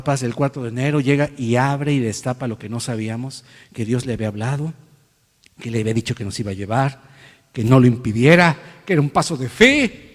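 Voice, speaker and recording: A man with a Mexican accent preaching, telling a personal story and acting out the voices of others. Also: mid-range voice. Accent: Mexican Spanish. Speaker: pastor. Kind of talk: sermon testimony. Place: church hall. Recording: reverberant church hall.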